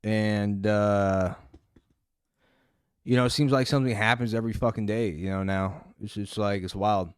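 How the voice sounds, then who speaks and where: A man's voice: on the low side, fairly even intonation, moderate pace, clean tone, no room sound, clean studio sound. A man hosting casual political reaction commentary, talking loosely with lots of fillers and the odd swear word.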